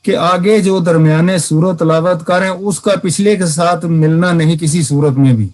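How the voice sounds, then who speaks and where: A man's voice: fairly high pitch, fairly even intonation, moderate pace, darkish tone. A man co-hosting a religious recitation lesson, asking the teacher to explain the rules more simply. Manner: inquisitive, asks for simpler explanations. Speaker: co-host asking questions.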